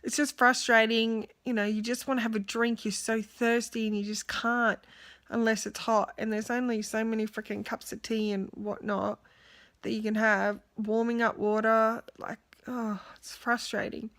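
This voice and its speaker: A woman's voice: on the high side, little pitch movement, normal speed, fairly bright tone. Weary woman vlogging candidly. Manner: candid, rambling, tired. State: exhausted and emotional. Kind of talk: casual personal video diary.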